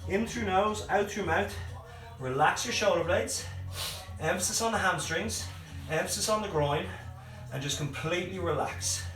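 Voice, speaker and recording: A man with a fairly high voice leads a home workout with brisk, encouraging coaching cues. He sounds set back from the phone in a roomy space. Faint music plays behind him. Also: a bit bright, recorded from a distance. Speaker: fitness coach. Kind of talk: live home workout instruction. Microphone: phone livestream from a distance.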